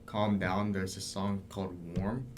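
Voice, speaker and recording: Very low-voiced young man, laid-back. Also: unhurried, a little hiss or hum. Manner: relaxed, hesitant, many fillers. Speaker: podcast guest. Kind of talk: casual chat.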